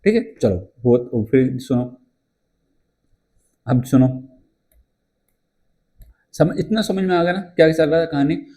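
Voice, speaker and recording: A male teacher giving an exam-prep lecture in a chatty storytelling way. He asks his class questions and answers them himself, and he reads English textbook lines slowly. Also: a little high, warm tone.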